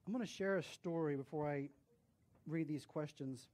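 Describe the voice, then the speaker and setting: A male pastor preaching and telling a story, animated, with hushed drops at solemn moments. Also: fairly high pitch, normal speed. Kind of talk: sermon storytelling.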